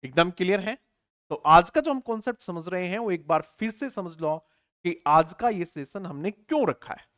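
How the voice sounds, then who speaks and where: He's a male English teacher in an online exam-prep session, answering his own rapid-fire questions, spelling words out slowly one letter at a time, and frequently making sure everyone understands. He sounds high, animated and fairly bright.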